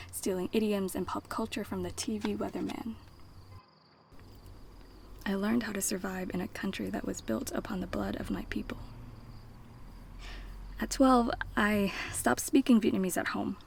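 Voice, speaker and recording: A twenty-year-old woman from the United States performing spoken word poetry with a rhythmic, dramatic delivery and repeated refrains, often breathy and half-whispered. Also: medium pitch, darkish tone, slight background noise, poor audio. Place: banquet event.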